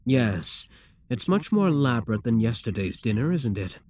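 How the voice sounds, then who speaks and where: Playing a proud demon king in an ASMR roleplay, this man sounds imperious and seductive, with theatrical, courtly grandeur and a composed, courteous mood. His medium-pitched voice swings widely in intonation at a moderate pace, with no echo.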